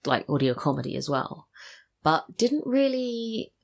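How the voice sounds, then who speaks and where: A British woman with a low voice, wide pitch swings and some vocal fry speaks at a measured pace. She's a podcast guest, an audio drama writer and voice actor, chatting casually and reflectively in a studio interview and sharing anecdotes about her work.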